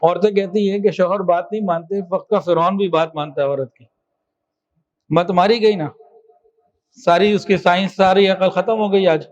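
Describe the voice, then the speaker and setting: A man preaching a sermon with passion, moving between soft explanation and loud emphasis. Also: high-pitched, muffled recording. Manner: impassioned, swings from soft to loud with chanted Quran recitation.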